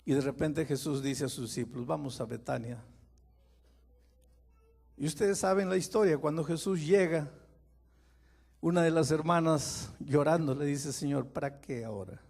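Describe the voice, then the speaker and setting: A man, a pastor, preaching a dramatic sermon, moving from quiet storytelling to loud impassioned pleading and putting questions straight to his listeners. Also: fairly high pitch, moderate pace, vocal fry, long pauses. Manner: speaks to listeners directly with questions.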